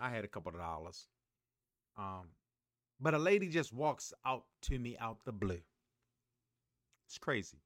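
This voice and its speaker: An emphatic man delivers a motivational monologue in a preacher's manner and asks listeners to repeat after him. His voice sits at an average pitch for a man. The sound is dry and close, with no room echo. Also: a bit bright. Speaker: motivational podcast host.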